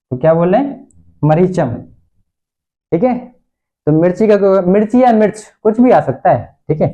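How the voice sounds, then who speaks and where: A man's voice: a little high, warm tone, highs cut off. A male teacher giving an online lesson in a playful way, repeating each question and answer and laughing often.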